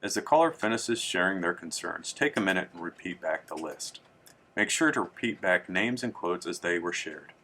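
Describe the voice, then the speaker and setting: A man presents a training tutorial in a low, bright voice with a clear edge. Reading from a script, he is formal, measured and instructional, with a forward, crisp tone and lively intonation.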